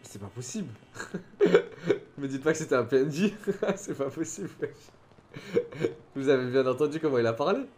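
A man's voice: medium pitch, lively intonation, moderate pace, pauses often, a little mellow. A man with a French accent in a role-play game, teasing and laughing.

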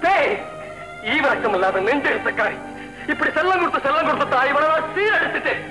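A stern brother who lectures his heartless sister in a high, ringing voice. He speaks in a declamatory old-film melodrama style. The roomy soundtrack has music playing clearly behind him. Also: brisk. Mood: stern, reproachful. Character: indignant adult brother scolding his cruel sister.

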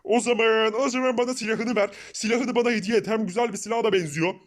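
A man's voice: high-pitched, fairly even intonation, fast, lightly acted. A man voicing a pushy, boastful young street thug in a Minecraft parody, mocking and bossing others around. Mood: bossy. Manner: mocking and bossy.

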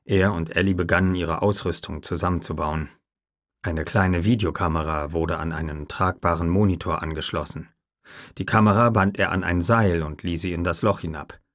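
A man with a very low voice narrates an audiobook in a measured, even manner. The sound is dry and close, with a slightly dull, lo-fi quality. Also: no echo. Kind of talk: scripted narration.

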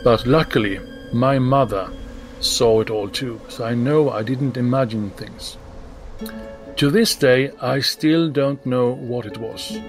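A man from Sweden with a Swedish accent, calmly telling his own story in a recorded voice message. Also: medium pitch, slow, soft background music. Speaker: listener sharing a story.

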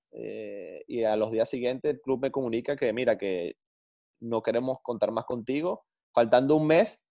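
A middle-aged man, a former footballer telling blunt, animated stories in an interview. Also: medium pitch. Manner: blunt, animated storyteller with slang. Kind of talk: interview storytelling.

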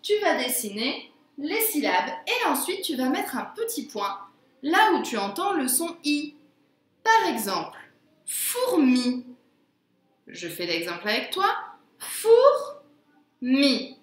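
Woman, phonics teacher for young kids, drawn-out careful words, animated pitch, echoey room. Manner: slow, careful, drawn-out word pronunciation. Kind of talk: phonics lesson for young children.

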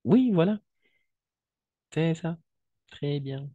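A man's voice: fairly high pitch, expressive, drawn-out words, dark tone, no echo, highs cut off. A man teaching French in an online class, patiently repeating each word and translating into Spanish. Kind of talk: online language lesson.

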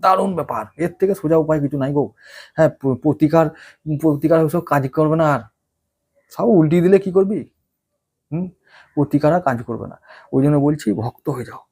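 A man's voice: on the high side, a little fast, pauses often, a little mellow, slightly rough. A man giving a casual, folksy weekly horoscope talk as an astrologer, full of rhetorical questions.

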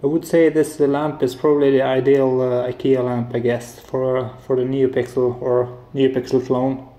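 Speaking softly from his apartment living room and kitchen, a Norwegian man in his thirties walks through a hobby electronics build as a casual tech demo. He's a hobbyist maker whose mid-range voice barely moves in pitch, at normal speed, broken up by hesitation and frequent filler sounds. He has a Norwegian accent, and the indoor room is echoey.

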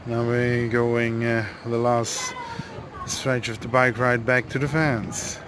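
Man, travel vlog, slow halting speech, mid pitch, heavy wind noise on camera mic. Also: flat delivery. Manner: unhurried, halting with fillers. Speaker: travel vlogger. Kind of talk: casual vlog narration. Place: outdoors by the sea in wind.

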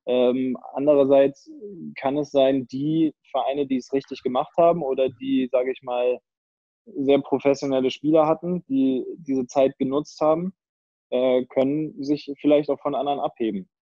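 Speaking at a moderate pace in a mid-range voice with fairly even intonation, a young handball player from the Kiel area of northern Germany talks casually as an interview guest. He's on a video call with earbuds, hesitating and restarting as he thinks aloud. The recording sounds dry and dull.

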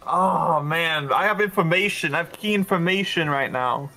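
Brief: young male gamer, high voice, cheeky repetitive jabs. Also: normal speed, sharp tone, soft background music. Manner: playful, repetitive needling. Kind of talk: casual gaming chat.

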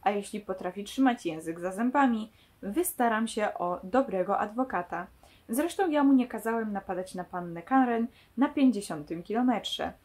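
A woman's voice: medium pitch, lively intonation, moderate pace, darkish tone, lightly acted. A woman reading the lines of a sly, mocking male crook from a novel aloud, giving him only a light voice. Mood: scheming.

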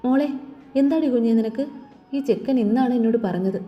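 A woman's voice: on the high side, a little fast, soft background music, lightly acted. A woman voicing a tearful old grandmother. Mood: tearful, pleading. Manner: pleading, weepy. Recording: dull lo-fi recording with long reverb.

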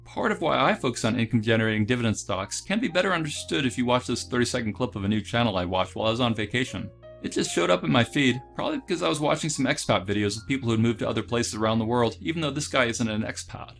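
A man's voice: mid-range voice, lively intonation, quick pace, vocal fry, fairly bright tone, faint music behind. A man hosting an investing channel, delivering scripted voice-over commentary in an earnest, advisory way. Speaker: dividend investing channel host.

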